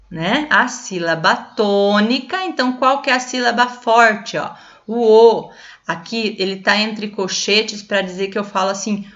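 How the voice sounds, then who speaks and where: A woman's voice: mid-range voice, a bit bright, dull audio. A Brazilian woman teaching a lesson to children, explaining patiently and checking in with her listeners often. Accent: Brazilian Portuguese.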